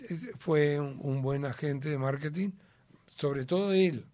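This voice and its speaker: A man's voice: on the high side, takes it slowly, darkish tone, no echo. Uruguayan man, emphatic rambling guest, dry close sound. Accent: Uruguayan Spanish. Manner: rambling, emphatic, many fillers. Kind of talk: casual chat.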